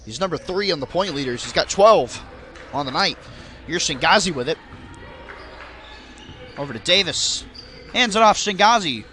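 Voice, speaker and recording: A young man calling basketball play by play in a rapid, auctioneer-like patter that rises on big plays. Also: on the high side, expressive, bright, forceful tone, slight background noise. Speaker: play-by-play commentator.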